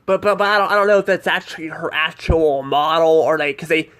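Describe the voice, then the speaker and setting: A man's voice: on the high side, fairly even intonation, fairly quick, fairly bright tone, smooth. A man giving a casual spoken review of a cartoon episode, rambling and hesitant, filling gaps with "like" and "I don't know".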